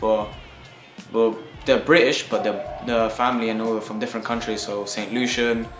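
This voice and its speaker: A man's voice: fairly low pitch, flat delivery, normal speed, over music. A young man answering interview questions casually, with some hesitations. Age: young adult.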